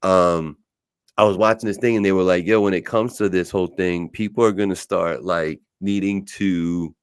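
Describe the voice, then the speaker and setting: A man's voice: low-pitched, fairly even intonation, normal speed, clear, resonant tone, no room sound, studio quality. A man co-hosting a casual podcast, laid-back, asking questions and agreeing often. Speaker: podcast co-host. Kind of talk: casual chat.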